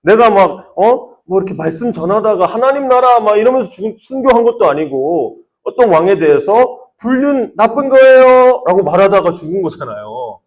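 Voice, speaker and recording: A young man, a youth pastor, preaching to teenagers in a conversational way, asking many questions and often dropping to a soft, quiet voice. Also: high-pitched, lively intonation, fairly quick, few pauses. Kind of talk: sermon to teenagers.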